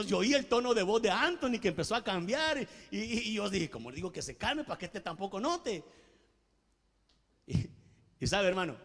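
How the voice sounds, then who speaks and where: A man's voice: on the high side, a bit bright, long reverb tail. A man preaching a sermon as pastor, stressing his points and often addressing listeners as beloved brother. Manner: emphatic preaching, calls out "mi amado hermano".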